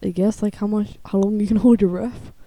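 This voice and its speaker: A young woman video creator rambles casually in a blunt, slangy way, her speech slightly lisped from the dental retainers she has in. Her dark-toned voice is fairly quick with fairly even intonation, and the microphone is low-quality and muffled.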